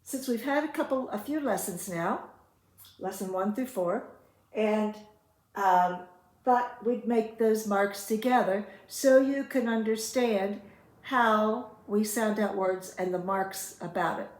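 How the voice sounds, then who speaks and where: A woman's voice: medium pitch, takes it slowly, a little mellow. A woman giving an informal, step-by-step lesson, chatty and often checking in with little tag questions. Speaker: teacher leading a phonetics lesson. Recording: echoey room.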